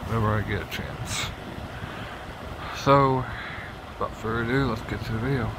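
A man's voice: fairly low pitch, normal speed. A man giving casual, shocked and sweary reaction commentary as he hosts a reaction video. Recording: clearly noisy background.

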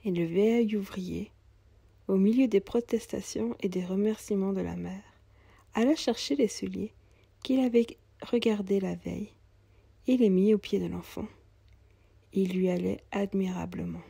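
A woman narrating a storybook tale in a calm, soft voice that sometimes drops almost to a whisper. Her tone is dark and husky, and the recording is dry. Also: mid-range voice, unhurried, no room sound.

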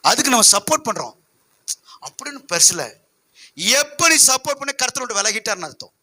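A man's voice: very high-pitched, sing-song, a little fast, pushed and bright. A man preaching a sermon as pastor, emphatic and full of rhetorical questions to his listeners.

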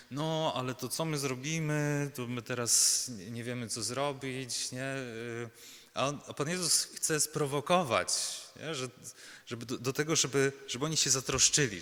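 A man preaching a personal retreat sermon as a Jesuit preacher, earnest and halting, with many fillers and restarts and rhetorical tag questions to the congregation. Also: mid-range voice, sharp tone. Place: large church. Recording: long church reverb.

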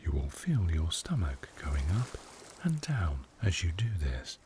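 A man guiding a meditation, speaking softly in a hushed voice that often drops to a whisper. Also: very deep voice, very animated, measured pace, a little hiss or hum. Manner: soft, hushed delivery, often slipping into a whisper. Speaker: meditation guide. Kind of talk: guided meditation narration.

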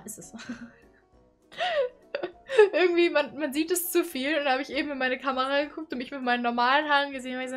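A woman of twenty-one, chatty and playful, commenting casually from a small bedroom into a condenser mic. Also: on the high side. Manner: chatty, playful, exclaims and giggles. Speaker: YouTuber. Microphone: studio condenser mic on boom arm.

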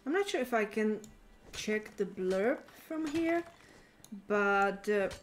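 A woman's voice: mid-range voice, lively intonation, slow, faint music behind. A woman streamer chatting casually and playfully with her viewers while gaming. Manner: playful, teasing, talks to chat.

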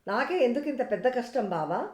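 A worried young mother pours out her troubles in an anxious, pleading voice, as a woman narrator reads her lines. The voice is a little high, and the room adds an echo. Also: big pitch swings, a little fast, a little mellow. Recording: roomy echo.

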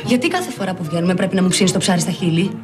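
A woman's voice: on the low side, lively intonation, over music, natural voice. An actress playing a married woman who answers her husband curtly in a TV series. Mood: irritated. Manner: curt, snappish. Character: married woman, defensive and irritated. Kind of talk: TV series acting.

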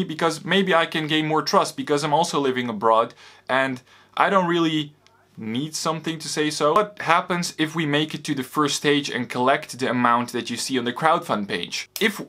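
Young man from Bosnia, early twenties, bright slightly high voice, earnest steady appeal to camera with a few fillers. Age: 20s. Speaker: student making a crowdfunding appeal. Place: small home room with shelves.

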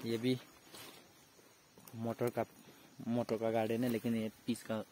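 A man's voice: mid-range voice, monotone, takes it slowly, mellow, slight background noise. A young man giving a casual walking tour of his hillside vegetable farm, plainly pointing things out one by one while filming on a phone held at arm's length outdoors. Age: young adult. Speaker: farm vlogger.

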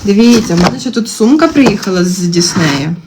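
A woman in her thirties hosts a TikTok livestream from home, chatting casually as she draws. Her talk is brisk with lively intonation, full of constant swearing and exasperated rants that spike into high-pitched outbursts. Faint background noise and clicks sit under the recording.

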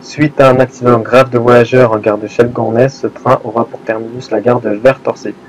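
A man making a formal passenger announcement over a train PA loudspeaker, repeating the key information. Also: mid-range voice, little pitch movement, a little fast, dull audio, slight background noise. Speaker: player voicing a train driver.

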